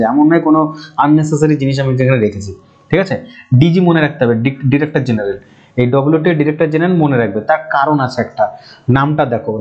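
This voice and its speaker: A man's voice: fairly high pitch, a little mellow. Man teaching exam facts, lo-fi. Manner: chatty, repeats key terms, mixes in English words. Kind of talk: exam-prep lecture. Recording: dull lo-fi sound.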